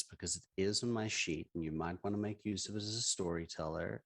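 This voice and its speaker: Very deep-voiced player explaining rules. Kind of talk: casual tabletop play.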